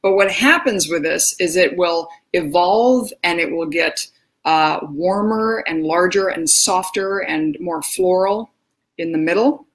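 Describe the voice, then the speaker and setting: A woman's voice: on the low side, a little slow. A woman talking as a guest in casual conversation, effusive and descriptive, with many hesitations. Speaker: guest fragrance reviewer.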